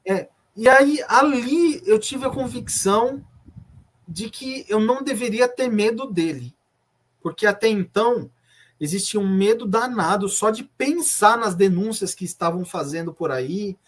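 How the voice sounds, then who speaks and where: A man's voice: high-pitched, expressive, measured pace. A man with a Brazilian Portuguese accent, a former church member telling his story in an interview, earnest and reflective, often restarting his sentences. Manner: earnest, reflective, retelling memories with many restarts. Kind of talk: personal testimony in an interview.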